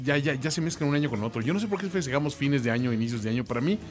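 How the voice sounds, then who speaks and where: A man's voice: medium pitch, racing, soft background music. A man with a Mexican accent co-hosting a podcast, with dry, sardonic humor. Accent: Mexican Spanish. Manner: deadpan, sardonic jokes. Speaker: podcast co-host. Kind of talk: casual podcast chat.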